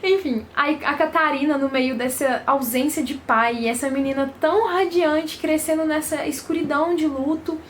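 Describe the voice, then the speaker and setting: A woman's voice: sits high, steady tone, normal speed, hardly any pauses, slight background noise. A young Brazilian woman chatting casually and effusively about books she read, with lots of fillers. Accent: Brazilian Portuguese. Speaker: book vlogger. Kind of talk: casual book review chat.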